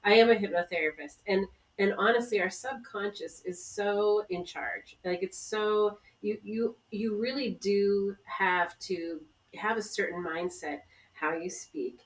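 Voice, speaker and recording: A woman's voice: mid-range voice, recorded from a distance, rough recording. A woman co-hosting a casual podcast, talking in an enthusiastic, chatty way. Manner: enthusiastic, chatty, quick to chime in. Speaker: co-host.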